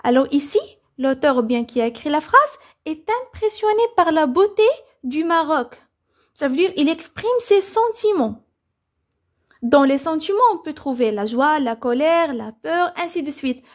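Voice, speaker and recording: High-voiced woman teaching grammar. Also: animated, moderate pace. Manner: asks the class questions and answers them herself; repeats "c'est bon?" to check understanding. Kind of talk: grammar lesson for children.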